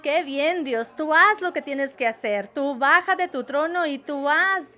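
A woman's voice: high voice, moderate pace. A woman preacher voicing an exasperated male prophet who argues with God in disbelief. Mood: elated. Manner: excited then bewildered, pleading.

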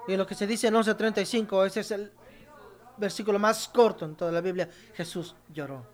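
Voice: medium pitch, fairly even intonation, brisk. Preacher stressing lines in a sermon. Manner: emphatic, repeats key phrases for stress; addresses the congregation directly. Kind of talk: sermon with Bible reading.

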